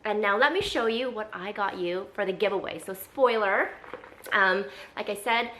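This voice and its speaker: Chatty bright-voiced woman vlogger. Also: mid-range voice, moderate pace. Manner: chatty, enthusiastic, frequent ums. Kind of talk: casual unboxing chat.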